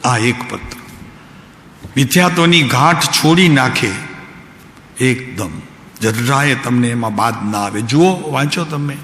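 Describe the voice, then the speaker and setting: A man, a spiritual teacher, giving a devotional discourse in a calm, unhurried way and asking his listeners direct questions. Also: mid-range voice. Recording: echoey hall, faint background noise.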